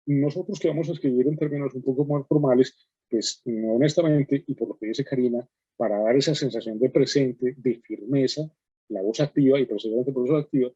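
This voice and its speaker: A man's voice: medium pitch, brisk, warm tone, slightly rough, dry recording, lo-fi sound. A man teaching a writing workshop, explaining patiently with many fillers and checks like "right?". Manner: explanatory, frequent "¿cierto?" and fillers. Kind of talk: online workshop lecture.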